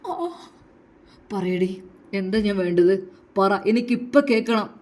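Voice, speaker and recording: A hot-tempered young husband in an audio story, firing off sharp, scolding questions at his wife, as a woman narrator lowers her voice to play him. The Malabar Malayalam lilt stays, pitched lower than her narration. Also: expressive. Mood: angry. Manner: harsh, scolding, rapid questions. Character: angry, hurt young husband, quick-tempered.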